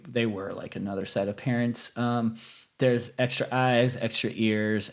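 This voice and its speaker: A man speaking candidly and reflectively as a guest in a casual conversational interview. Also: mid-range voice.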